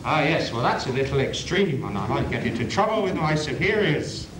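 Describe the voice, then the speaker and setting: A man's voice: on the high side, lively intonation, fairly quick, close to an everyday voice. Man as grand dream spirit, echoey hall. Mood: wry. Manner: declamatory, theatrical. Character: Dream Angus, grandly rhyming, wry dream spirit. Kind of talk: community pantomime stage acting. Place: on stage in a school hall. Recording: noisy, echoey 1980s school hall video.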